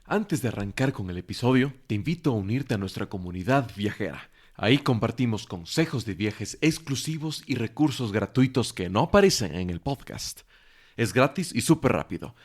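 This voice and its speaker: Brisk man reading a podcast promo. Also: fairly low pitch, lively intonation. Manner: brisk and friendly, addressing listeners directly. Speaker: podcast announcer. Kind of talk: scripted promo read.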